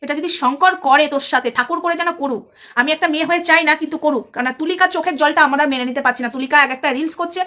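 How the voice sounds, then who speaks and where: Woman vlogger, high bright voice, rapid scolding rant. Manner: angry and scolding, addresses viewers as friends. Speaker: social media commentator. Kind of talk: heated commentary vlog.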